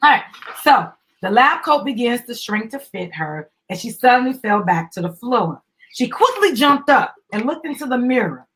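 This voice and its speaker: A husky-voiced, middle-aged woman reads a children's story with animation, pausing to explain it in an encouraging, instructive way for kids and parents. Her voice is on the high side, sing-song and fairly bright at a moderate pace, captured in a rough recording.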